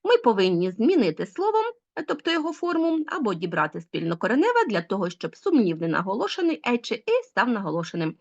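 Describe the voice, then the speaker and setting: A woman teacher giving an online school lesson, explaining rules with lively, rising emphasis. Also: medium pitch. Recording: dull lo-fi sound.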